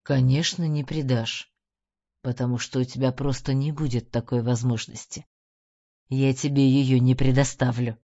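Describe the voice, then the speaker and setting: A menacing middle-aged crime boss, as a woman reads him, calm and cruel. His voice sits low and sneering over a muffled, lo-fi recording. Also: moderate pace. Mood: menacing, mocking. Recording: dull lo-fi recording.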